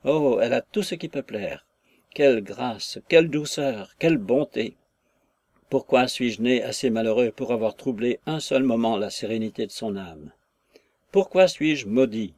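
A man's voice: medium pitch, normal speed, a little mellow, dry recording, close to an everyday voice. A man reading a lovesick young hero. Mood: anguished. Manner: impassioned, effusive, with sighs and exclamations. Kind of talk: audiobook reading of a classic novel.

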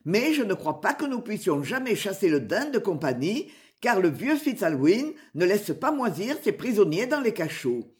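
A woman's voice: medium pitch, big pitch swings, moderate pace, a little mellow, natural voice. A woman doing a mocking bearded outlaw. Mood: menacing. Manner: mocking, boastful, menacing.

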